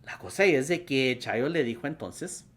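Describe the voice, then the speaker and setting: A woman pastor and host recounts a testimony, her pitch rising and falling widely as she steps into each quoted speaker. She tells it with a storyteller's animation. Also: expressive, moderate pace.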